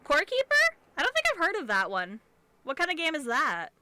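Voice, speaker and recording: Bright, lively young woman streamer. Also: high-pitched, brisk. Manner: thinks aloud, chatty and repetitive. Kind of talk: casual live-stream chat while sewing.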